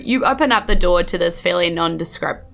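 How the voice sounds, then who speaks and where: A woman's voice: fairly low pitch, fairly quick, gravelly. A woman game master improvising narration for a tabletop game in a conversational, explanatory way. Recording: music playing behind the voice. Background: music.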